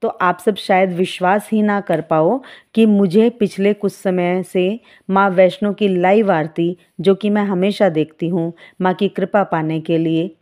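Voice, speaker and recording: In a lowish voice, a female spiritual guide gives a calm devotional talk. She treats her followers with motherly warmth and calls them children.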